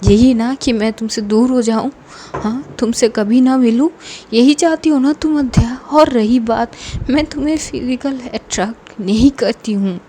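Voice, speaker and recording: A hurt young woman speaking earnestly and in disbelief, as a woman puts her on. The voice is high and mellow, told within a spoken audio story. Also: a little slow, a little hiss or hum, natural voice.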